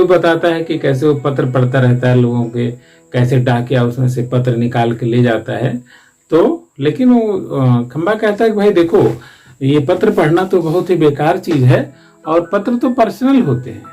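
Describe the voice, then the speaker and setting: A man's voice: on the high side, expressive, normal speed, dark tone, soft background music. Man retelling a school play story. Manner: loose, rambling retelling with restarts. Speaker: teacher. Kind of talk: explaining a textbook play.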